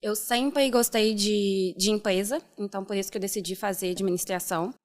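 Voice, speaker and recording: Calm woman from Minas Gerais. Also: mid-range voice, fairly quick. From Minas Gerais, Brazil. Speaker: content producer. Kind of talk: casual podcast chat.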